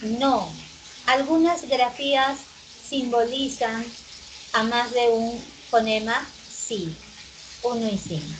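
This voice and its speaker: Woman, pre-university teacher, exam review, self-quizzing, brisk, higher voice, noisy background hiss. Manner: quizzes herself aloud, answers briskly. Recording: noisy recording with background hum.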